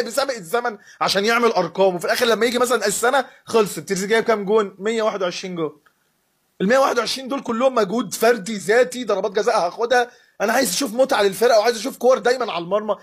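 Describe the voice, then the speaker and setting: A man's voice: high-pitched, slightly rough. A man with an Egyptian Arabic accent hosts a football fan channel, rating players in a heated, sarcastic casual rant.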